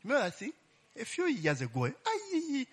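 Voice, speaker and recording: His voice is very high and slightly rough, the pitch swooping wildly as he talks fast. The man is preaching a casual sermon teaching the Bible, calling and responding, ending many phrases with "eh?" and exclaiming "Glory be to God" and "Hallelujah."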